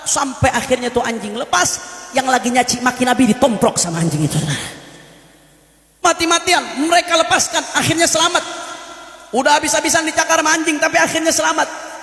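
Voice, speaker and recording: A man preaching a fiery sermon, impassioned and often shouting as he repeatedly addresses his listeners. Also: very high voice, vocal fry. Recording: echoey hall with long reverb.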